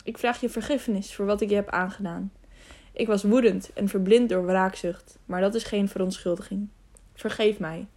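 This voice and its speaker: A woman's voice: mid-range voice, steady tone, mellow, close to an everyday voice. Woman reading as a grave older knight. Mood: earnest. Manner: earnest, measured, apologetic. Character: serious older male knight, grave and earnest. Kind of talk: audiobook character voice.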